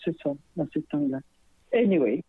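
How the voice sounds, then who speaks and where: A woman's voice: sits low, lively intonation, moderate pace, slightly rough, no echo. Rambling accented woman on a phone line. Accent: foreign accent in French. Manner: rambling, hesitant, many fillers. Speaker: guest singer-songwriter. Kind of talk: casual radio interview. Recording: tinny phone-line sound.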